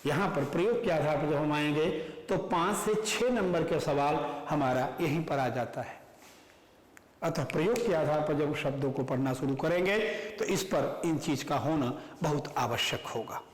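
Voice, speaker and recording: A man teaching Hindi grammar in an online class, lively and animated, stressing words in his examples. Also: fairly high pitch, a little slow. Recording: echoey room with long reverb.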